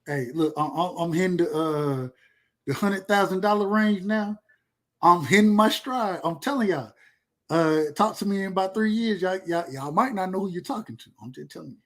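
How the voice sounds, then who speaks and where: A podcast host in his 30s from Georgia, USA, chats casually in a high-pitched voice at normal speed. He's laid-back but boastful, rambling and repeating himself.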